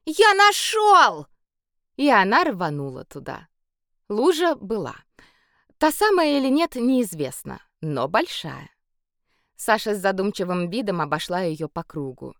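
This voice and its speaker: A woman reading a children's story aloud with playful, expressive narration. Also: mid-range voice, measured pace, creaky, no room sound, clean studio sound. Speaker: audiobook reader.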